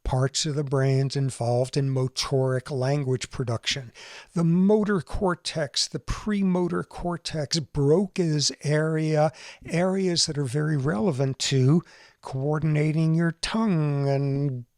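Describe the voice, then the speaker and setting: A man hosting a podcast, explaining neuroscience in an animated, conversational lecture style. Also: on the high side, slow pace, no echo, clean studio sound. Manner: explanatory, animated, mimics accents briefly.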